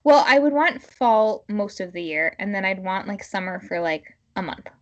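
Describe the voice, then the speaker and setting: A woman podcast co-host chatting casually and informally in a halting, filler-heavy way. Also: mid-range voice, lively intonation, dull audio.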